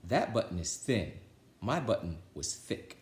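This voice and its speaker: A man's voice: fairly low pitch, very animated, measured pace, reverberant. A man voicing a grumpy, easily exasperated male toad from a children's storybook, exclaiming and wailing his complaints. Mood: complaining.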